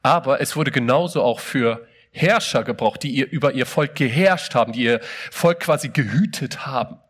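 A man's voice: mid-range voice, moderate pace, a bit bright, husky. A man preaching a sermon in a casual, emphatic way, asking his listeners many rhetorical questions and often opening a phrase with "hey".

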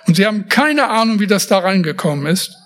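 A man's voice: sits high, animated, quick pace, a bit bright. A man preaching a sermon, emphatic and speaking straight to his listeners with casual asides.

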